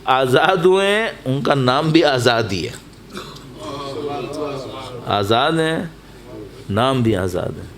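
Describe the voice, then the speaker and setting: A man's voice: mid-range voice, animated, pauses often, crowd noise. A man delivering a religious sermon at a mourning gathering, telling stories and exhorting his listeners with emphatic repetition. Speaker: preacher. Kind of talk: Muharram majlis sermon. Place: mosque or majlis hall.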